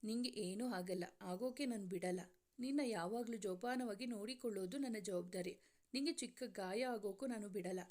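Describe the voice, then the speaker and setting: A woman's voice: mid-range voice, normal speed, lightly acted. Young male cop, read by a woman narrator, tender and soothing, storybook reading. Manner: soft, soothing reassurance. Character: caring young male police officer, tender.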